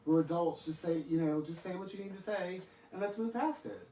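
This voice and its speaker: Man, higher voice, blunt podcast co-host, distant echoey mic. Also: brisk, warm tone. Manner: agreeable, blunt, interjecting. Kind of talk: casual discussion. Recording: echoey room, far from mic, faint noise.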